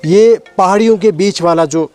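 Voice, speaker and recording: A man's voice: high-pitched, darkish tone, faint music behind. A man with a Kashmiri accent leading an outdoor heritage walk, explaining place names to schoolchildren and often asking them questions. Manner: explanatory, asks questions of the children, mixes in English words. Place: outdoors at a stone heritage site.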